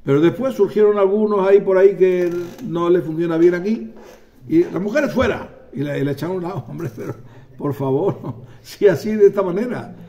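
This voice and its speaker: Man, preacher, sermon, high voice, muffled audio, animated. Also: fairly quick. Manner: animated, acts out voices, calls for amens.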